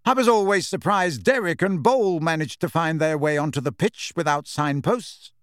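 A man voicing a brisk, businesslike young female team captain. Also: fairly high pitch, clean tone, no echo, clean studio sound, lightly acted.

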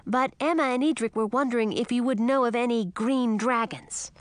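A woman's voice: on the high side, normal speed, dry recording, voice pushed up, close to an everyday voice. A woman voicing a small, kind young male dragon with a friendly manner. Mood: polite.

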